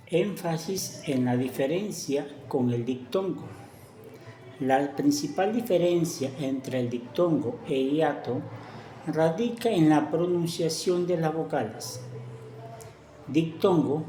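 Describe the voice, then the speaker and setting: A woman teacher gives a grammar lesson at a very slow, deliberate pace, spelling out each example word on its own. Her voice sits at a middle pitch and carries an echo off the room's walls, with a faint hum of ambience behind her. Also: warm tone.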